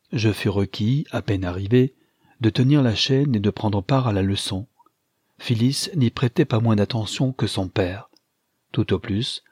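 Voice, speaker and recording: A man narrating a classic novel in a measured, literary reading. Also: fairly low pitch, dark tone, husky, dry recording, clean studio sound. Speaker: audiobook narrator. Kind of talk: scripted narration.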